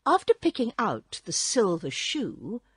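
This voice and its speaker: A woman reading a classic children's book aloud in a slow, expressive storytelling way. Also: a little high, husky, no room sound, studio quality.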